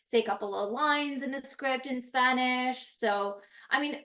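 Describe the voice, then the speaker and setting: With a high voice and a relaxed, unhurried pace, she chats as an actress guest. She's from Canada, French is her first language, and her casual talk is animated and expressive, punctuated by frequent laughter.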